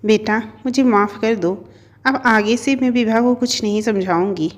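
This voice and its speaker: A woman's voice: fairly high pitch, normal speed, natural voice. A woman voicing a weary, stern mother. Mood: apologetic. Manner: pleading, then scolding. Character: hurt middle-aged mother, weary and stern. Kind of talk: storybook narration.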